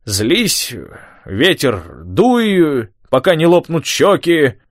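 A man voicing an excitable, talkative old man who rambles and exclaims in an audiobook. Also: on the high side, very slow, no room sound, clean studio sound, voice pushed up, heavily acted. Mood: playful. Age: older. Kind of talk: audiobook character voice.

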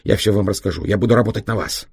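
A man voicing a hoarse, frightened captive agent. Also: fairly low pitch, very fast, darkish tone, dry recording, studio quality, exaggerated voice. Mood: hasty. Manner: hasty, eager to cooperate. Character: hoarse captured male Soviet agent, frightened.

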